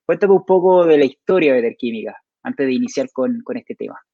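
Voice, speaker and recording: A man hosting an online interview in Spanish, affable, prompting his guest with steady short backchannels. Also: medium pitch, brisk, no room sound, phone-quality sound. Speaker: host.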